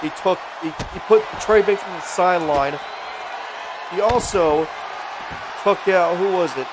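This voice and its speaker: Male wrestling commentator, high-pitched, emphatic live calls, noisy crowd background. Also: normal speed. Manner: emphatic, exclaiming reactions. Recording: loud event crowd and noise. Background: crowd and arena noise.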